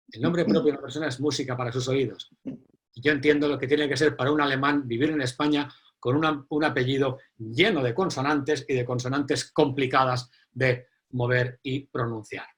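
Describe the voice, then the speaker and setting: A middle-aged man, hosting an online forum and introducing the next speaker in an animated, emphatic way. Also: medium pitch, normal speed. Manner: animated, emphatic, repeats key phrases. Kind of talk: live online event introduction.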